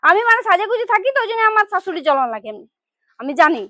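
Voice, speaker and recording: A sulky young daughter-in-law with a Purulia Bengali accent complains and refuses, played by an actress. Her voice is very high and bright, and she talks in a rapid rush. The recording is dry and close. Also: sing-song, no room sound, full character voice. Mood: complaining. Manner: whiny, complaining, defiant. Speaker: actor in a village drama.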